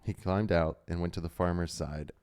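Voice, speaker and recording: A man with a deep, smooth voice reads a novel aloud on a livestream. His reading is steady and storybook-like, broken by relaxed asides. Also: normal speed. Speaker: book club host.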